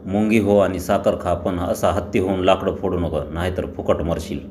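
A man's voice: low-pitched, steady tone, moderate pace, a little mellow, slight background noise, natural voice. A man reading a Marathi story aloud, voicing an irritable village horse owner who gives peevish warnings.

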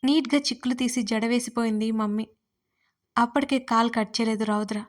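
A woman, the writer and narrator, telling a romantic story in the first person in a lively, chatty way. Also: fairly high pitch, fairly quick.

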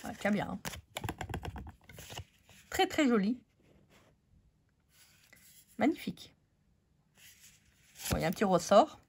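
A craft channel host with a French accent chats casually with viewers about a haul of craft supplies while losing her voice. Her mid-range voice is husky and darkish, very animated yet slow, with frequent pauses and plenty of fillers.

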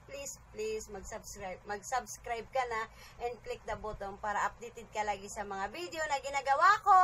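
A woman's voice: on the high side, bright, forceful tone, a little hiss or hum, rough recording. A woman giving a casual home video lesson, patiently repeating sounds one by one with chatty asides, sleepy at night. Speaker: online Arabic teacher.

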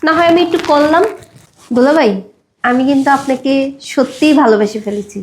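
Brief: actress as a flirty sister-in-law in a short film, high voice, coaxing and playful. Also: female voice, expressive, fairly quick, a little hiss or hum.

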